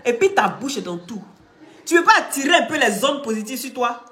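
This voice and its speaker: A woman with a head cold, ranting loudly on a live stream, teasing and scolding. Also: a little high, very animated, brisk, echoey room. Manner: talks loudly, teasing and scolding, often laughing. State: head cold, blocked ears. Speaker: live streamer and gossip commentator. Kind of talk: casual live-stream rant.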